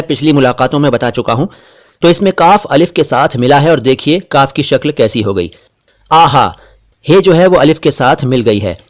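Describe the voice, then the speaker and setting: A man, hosting a spelling lesson and explaining words slowly and carefully, letter by letter. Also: fairly high pitch. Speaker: Urdu language teacher.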